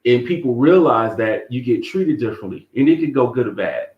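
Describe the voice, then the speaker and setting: A slangy Southern man appears as an interview guest on a casual chat, speaking in a mid-range voice that's animated and brisk. He tells stories in a laid-back way and laughs often, over echoey, muffled call audio from a roomy space.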